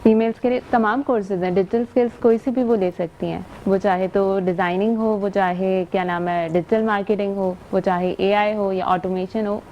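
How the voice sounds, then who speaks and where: A woman's voice: mid-range voice, steady tone, moderate pace, hardly any pauses. A Pakistani woman on a morning show, explaining training courses with confidence. The sound is a little dull, with faint noise under it. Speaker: tech training guest.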